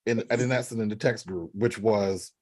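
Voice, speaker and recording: A man's voice: lowish voice, moderate pace, darkish tone. A man co-hosting a podcast, recapping a TV episode in casual chat with rambling asides. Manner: rambling recaps, laughs often. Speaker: podcast co-host.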